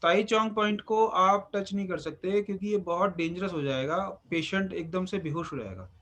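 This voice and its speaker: A man's voice: sits high, moderate pace, a bit bright. A man teaching an acupuncture class, instructive and repeating phrases for emphasis. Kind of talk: live class lecture.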